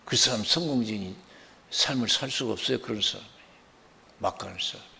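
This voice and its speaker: A man preaching a sermon as pastor, emphatic, swinging between loud outbursts and hushed asides. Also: fairly low pitch, fairly quick, creaky, a little hiss or hum. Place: church sanctuary. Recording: long reverb of a church hall.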